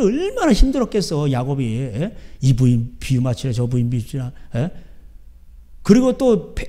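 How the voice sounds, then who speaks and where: A man with a high-pitched, mellow voice preaches a sermon as pastor, rambling and chatty. He often asks his listeners "right?", repeatedly turning back to the crowd with "예?".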